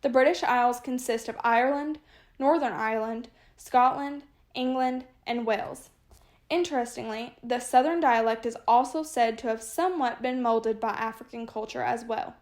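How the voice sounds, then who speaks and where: Woman, scripted narration, even delivery, fairly high voice. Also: normal speed. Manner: reads a prepared text evenly. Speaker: student presenter.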